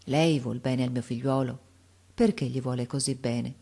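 A woman voicing a sad, ashamed father, a former convict, who speaks with sad affection in a hushed, trembling voice, in a storybook reading. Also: low-pitched, level tone, measured pace.

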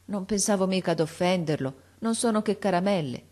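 A woman's voice: medium pitch, brisk, mellow, natural voice. A woman voicing a poor, humble mother who timidly and anxiously presses small gifts on a boy, reading from an old children's storybook. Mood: pleading. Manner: timid, pleading, eager to please.

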